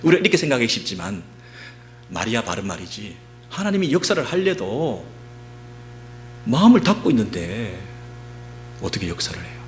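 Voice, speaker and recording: A middle-aged male pastor giving an animated sermon, often asking the congregation questions. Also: on the low side, a little fast, pauses often, a little hiss or hum.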